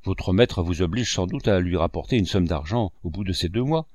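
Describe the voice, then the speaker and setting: A man voicing a kind, gentle noble lady in an audiobook, asking soft, caring questions. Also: sits low, lively intonation, a little fast, dry recording, voice pushed down. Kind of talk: audiobook character reading.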